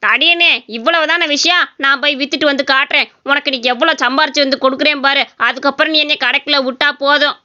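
A woman's voice: sits high, steady tone, fast talker, hardly any pauses, sharp tone, muffled recording. A woman voicing a cheeky village boy. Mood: cocky. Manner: cheeky and scolding, village Tamil. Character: poor young village boy selling idlis, cheeky. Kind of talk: cartoon story voice acting.

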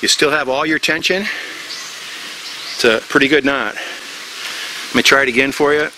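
In a tropical forest, a middle-aged bushcraft instructor casually demonstrates a knot step by step, speaking plainly and repeating himself as he works. His mid-range voice keeps a measured pace against a noisy background.

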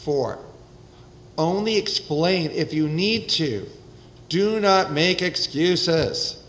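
An older man delivers a sermon from a synagogue pulpit, speaking into a podium microphone. His voice sits a bit higher than most men's, and he preaches with an animated, wry, gesturing energy that keeps the congregation engaged. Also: rough recording. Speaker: rabbi. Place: synagogue sanctuary, indoors.

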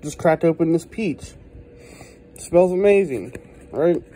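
A man's voice: fairly high pitch, animated, a little slow, dark tone, slight background noise, low-quality recording. A man giving a casual, exasperated product review, blunt and swearing heavily, recorded indoors on a handheld phone. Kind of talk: casual handheld video rant. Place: indoors at a desk.

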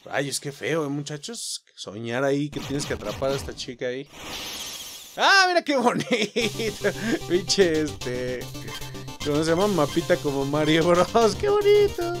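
Excitable Mexican gamer, very animated. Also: male voice, on the high side, a little slow. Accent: Mexican Spanish. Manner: excitable, joking, swears often. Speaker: gaming YouTuber. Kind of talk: let's-play commentary. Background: game music.

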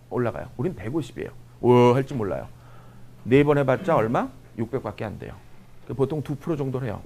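A man's voice: mid-range voice, creaky, a little hiss or hum. A middle-aged man giving a humorous lecture to a live audience, joking and tossing out rhetorical questions. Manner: joking, animated, peppers talk with rhetorical questions.

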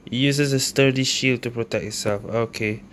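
A woman's voice: extremely low pitch, fairly even intonation, normal speed, a little hiss or hum. A woman giving casual let's play commentary, often tagging remarks with a questioning eh. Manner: ends remarks with "eh". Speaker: gamer playing and commenting.

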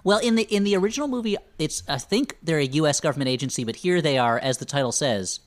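A man's voice: a little high, animated, fast talker. A man hosting a comedy podcast, recapping a movie with wry, jokey asides. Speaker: podcast host.

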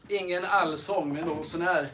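A man's voice: a little high, fairly even intonation, fairly bright tone. Hesitant man hosting a live sing-along. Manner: hesitant, many fillers and restarts. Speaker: sing-along host and guitarist. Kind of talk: casual live-stream chat. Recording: guitar playing behind voice. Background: guitar music.

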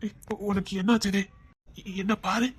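A woman voicing a possessive, brooding young male hero in an audio drama, with a breathy voice and an intense, coaxing manner. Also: mid-range voice, fairly even intonation, normal speed, noisy background, natural voice. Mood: soothing. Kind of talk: amateur audio drama acting.

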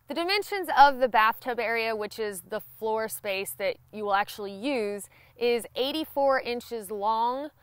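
Young woman, Southern US accent, very clear crisp voice, dry close sound, steady informative delivery. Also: a little high, no room sound. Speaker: outdoor gear reviewer. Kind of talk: scripted gear review to camera. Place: outdoors on a grassy lawn.

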